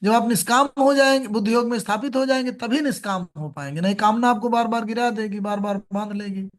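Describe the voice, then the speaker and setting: Guy with a high voice giving a calm gita talk, reciting sanskrit verses between explanations. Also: fast talker. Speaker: Gita speaker. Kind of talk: spiritual discourse on scripture.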